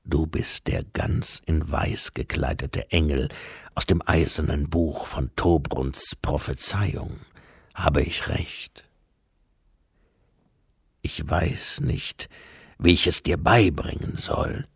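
A man voicing Death as a grave, solemn figure in an audiobook, speaking in a measured way. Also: rumbling low, breathy edge, no echo, clean studio sound, voice pushed down, heavily acted. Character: Death, solemn, grave, unhurried male personification.

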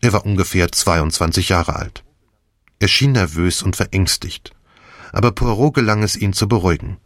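Male audiobook narrator, low voice, measured delivery, dry studio sound. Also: a bit bright, no room sound. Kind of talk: scripted narration.

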